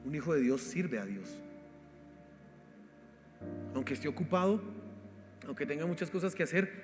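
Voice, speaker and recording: A Colombian man preaching a sermon as pastor, exhorting his listeners as "hermano" and swinging between loud emphasis and quiet asides. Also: on the high side, animated, normal speed. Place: church hall. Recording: live church stream with reverb and faint music.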